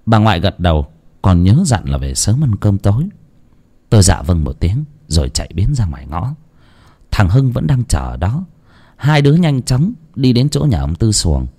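A man, a channel host, reading a village ghost story and pausing with fillers between phrases. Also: on the low side, sing-song, warm tone, husky. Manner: hesitant, many fillers in the intro.

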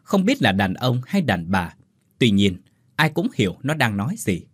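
A man narrating a ghost story in an expressive, dramatic way. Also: lowish voice, moderate pace, slightly rough, no room sound, clean studio sound.

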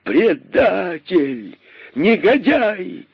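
A man voicing a shouting, indignant crowd of rabbits in a radio story reading. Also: sing-song, very slow, creaky, breathy edge, no echo, exaggerated voice. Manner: shouting, high-pitched. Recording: dull, dry radio recording.

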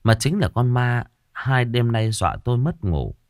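A man narrates a ghost story with a lively, expressive delivery that rises and falls a great deal. His voice sits in a middle pitch. The recording is dry and close with no room sound. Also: moderate pace, dry recording.

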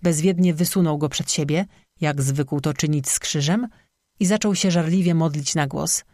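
An audiobook narrator reading a legend in a steady, measured scripted narration. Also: mid-range voice, no echo, studio quality.

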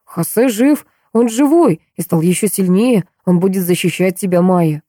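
A woman's voice: lowish voice, moderate pace, warm tone, no room sound, clean studio sound, natural voice. Hugo, read by a woman, a fervent young heir. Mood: eager. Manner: pleading, feverish insistence. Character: young man, dark heir, fervent and unstable. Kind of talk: audiobook reading.

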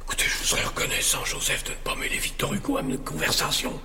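An actor playing a fussy lawyer who whispers peevish protests while sneaking around. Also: male voice, fast talker, echoey room, natural voice. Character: fussy, indignant male lawyer sneaking about.

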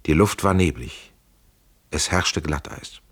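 A man's voice: rumbling low, expressive, slow, breathy edge, no room sound. A man narrating an audiobook in a dramatic, vivid storytelling manner, close to a studio mic.

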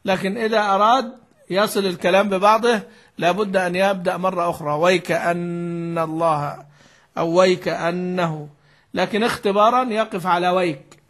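High-voiced man explaining recitation rules. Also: fairly even intonation, quick pace, fairly bright tone. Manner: explains patiently, repeats key words, asks and answers himself. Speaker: sheikh teaching Quran recitation. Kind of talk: classical Arabic lesson commentary.

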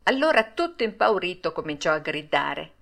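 A woman narrating a classic children's tale as an audiobook, in an expressive storytelling manner. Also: fairly low pitch, normal speed, gravelly.

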